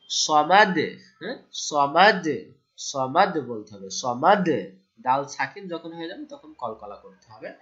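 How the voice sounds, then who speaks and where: A man's voice: medium pitch, muffled recording. Man teaching Quran recitation rules. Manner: asks questions and answers them, recites verses slowly and loudly. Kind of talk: Quran tajweed lesson.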